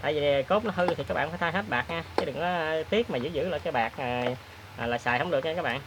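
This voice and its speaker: A man hosts a hands-on repair demonstration, talking in a chatty, plain-spoken way with many filler pauses. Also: a little high, noisy background. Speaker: repair tutorial host.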